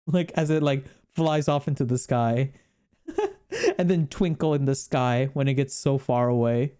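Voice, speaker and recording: Smooth and dark in tone, the streamer's medium-pitched voice runs a little slow. He rambles through casual chat with his viewers, laughing often, swearing freely, and reacting to the screen.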